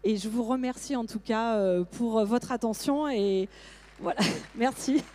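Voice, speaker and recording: Middle-aged woman, lively conference speaker, rather high and mellow voice, talks to teachers. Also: measured pace, slight background noise. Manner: lively, many fillers and restarts. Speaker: teacher trainer presenting to teachers. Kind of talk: conference talk.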